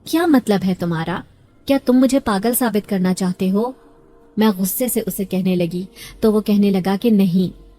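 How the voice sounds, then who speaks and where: A woman narrating a first-person horror story in a steady, suspenseful way. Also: mid-range voice.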